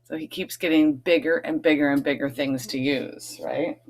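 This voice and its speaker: Reading a picture book to children, a woman leans on key words for expression and drops in chatty questions along the way. Her voice is low and steady, somewhat dark in tone, and moves at a normal pace. She comes across as a read-aloud host or a teacher reading to kids.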